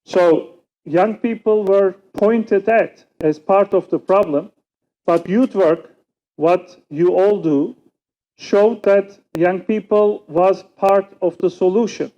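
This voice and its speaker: With a Turkish accent from his first language, a man from Turkey speaks as a panelist, giving a measured and reflective conference talk broken by many pauses. He has a high voice, heard through lo-fi sound.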